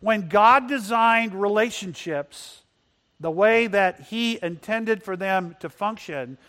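A pastor whose first language is Spanish preaches a Sunday sermon in a high-pitched, fairly bright voice. He reads scripture, puts questions to the congregation, and slows down for emphasis.

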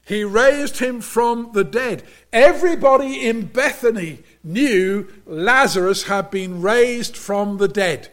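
A man with a fairly high voice delivers a sermon at an unhurried, deliberate pace. He preaches earnestly and with emphasis, and often sinks abruptly into a near-hushed tone.

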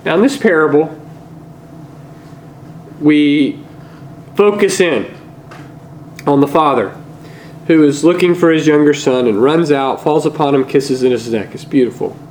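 A man preaching a sermon in a church, earnest, slowing on key words and firing off rhetorical questions. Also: fairly high pitch, a little mellow, slight background noise, poor audio. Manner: slows and stresses key words. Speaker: pastor.

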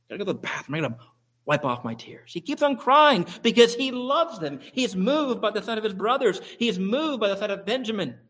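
A pastor preaches with a notably high-pitched voice. His delivery is emphatic and builds through repeated phrases. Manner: emphatic, repetitive rhetoric. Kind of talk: sermon.

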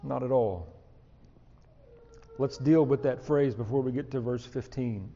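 A man preaching an expository sermon, slow and emphatic, rising on key words. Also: medium pitch, mellow, in a large hall, muffled recording.

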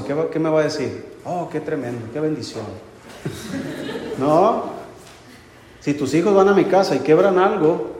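A man's voice: fairly high pitch, darkish tone, roomy sound, long reverb tail, slight background noise. A man, preaching a conversational sermon to his congregation, mixing teaching with funny stories. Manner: conversational preaching with humorous anecdotes. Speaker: pastor.

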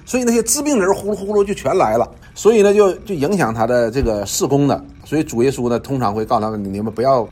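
Husky man leading a Bible study. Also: medium pitch, expressive, quick pace, hardly any pauses, dark tone. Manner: explanatory, many filler particles, repeats phrases.

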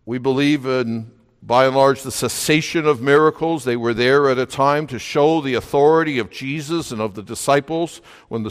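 A man preaching a sermon as pastor, steady in places and building to emphatic, raised delivery. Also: fairly high pitch. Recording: long reverb of a hall.

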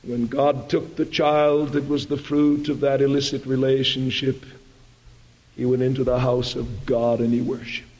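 A man's voice: medium pitch, level tone, measured pace. A man pastor preaching a sermon during a Sunday service, earnest and emphatic, pressing his points hard. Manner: earnest, emphatic preaching that swells into loud appeals. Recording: long church-hall reverb.

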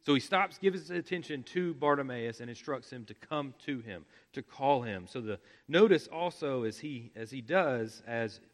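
A man preaching a sermon, explaining scripture with emphatic repetition, at times dropping to a hush. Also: mid-range voice, animated, normal speed, few pauses. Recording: long reverb of a large hall.

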